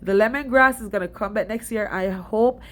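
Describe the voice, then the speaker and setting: A young Jamaican woman giving a casual, rambling voice-over about her garden, stuffy and short of breath. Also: mid-range voice. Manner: chatty, rambling and fast-talking. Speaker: DIY gardening vlogger.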